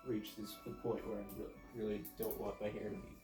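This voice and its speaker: A man's voice: lowish voice, level tone, brisk. A man talks casually to his vlog with the blocked, stuffy nose of someone who has a cold. He rambles and corrects himself as he thinks aloud. The room rings with echo, and faint music sits behind him. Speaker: vlogger with a YouTube channel. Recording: echoey room.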